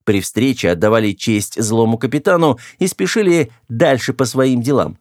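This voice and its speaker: A man's voice: mid-range voice, moderate pace, darkish tone, no room sound. Man narrating an audiobook, dry close sound. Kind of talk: scripted narration.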